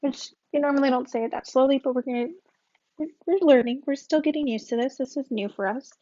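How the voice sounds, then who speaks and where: A woman's voice: sits high, fairly quick, warm tone. A woman teaching a recorded calculus tutorial in a chatty way. She corrects herself often and recites a memory rhyme. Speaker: math teacher. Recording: dull lo-fi audio.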